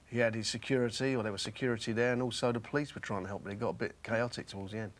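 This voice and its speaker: Brisk male interviewee, quick matter-of-fact talk, a bit off-mic. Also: mid-range voice, steady tone. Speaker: boxing promoter interviewee. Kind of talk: casual studio chat.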